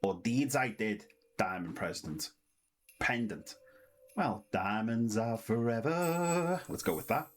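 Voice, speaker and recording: A man's voice: mid-range voice, animated, slow pace, slight background noise, poor audio. A British man doing casual let's-play commentary, chatty and reading the game's text aloud in a sing-song way. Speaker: gaming channel host.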